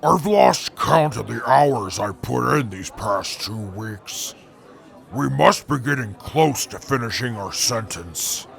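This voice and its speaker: For a fan audio drama, a man voices a pompous super mutant brute, rumbling out boasts in a heavily gravelly, fry-laden voice. The exaggerated, animated performance is slow, grand and a bit bright, like a self-important giant in a radio play.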